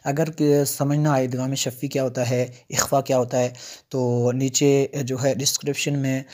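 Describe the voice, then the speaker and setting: Guy with type doing a tajweed lesson, pretty monotone, lots of uh pauses between rules. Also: medium pitch. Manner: slow drawn-out recitation, then plain explaining talk with many "uh" pauses. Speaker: Quran recitation teacher. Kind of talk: tajweed lesson, recitation with explanation.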